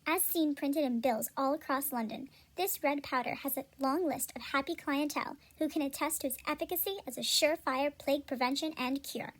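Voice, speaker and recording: A woman playing an upbeat, salesy pitchwoman in a parody pharmaceutical ad, persuasive and scripted. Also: a little fast, few pauses, natural voice. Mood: enthusiastic selling. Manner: salesy, persuasive announcer delivery. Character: upbeat 17th-century female drug-commercial pitchwoman selling cures.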